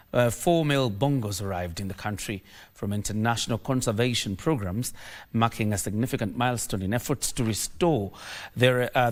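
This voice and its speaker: A man with a Kenyan accent presenting the news as an anchor in a measured, formal delivery. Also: mid-range voice. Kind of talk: live news presenting, reading stories.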